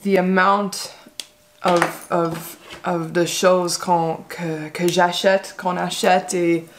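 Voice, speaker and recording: Slow, hesitant woman from Quebec, English speaker in French. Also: on the low side, flat delivery, slight background noise. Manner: hesitant and chatty, with many restarts and fillers. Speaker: beauty vlogger. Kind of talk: casual chat while doing makeup.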